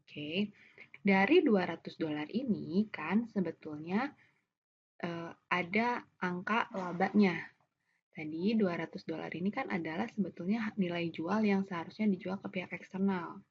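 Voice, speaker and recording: In an unhurried, fairly low voice, a woman with an Indonesian accent lectures through an accounting lesson, explaining worked examples step by step. She tends to ask questions and then answer them herself. The audio is dull and lo-fi, and background noise comes through clearly.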